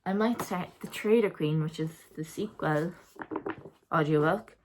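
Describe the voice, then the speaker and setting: Chatty young woman, low voice. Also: measured pace, noisy background. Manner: chatty, rambling, corrects herself mid-sentence. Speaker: book vlogger. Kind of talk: casual reading wrap-up chat.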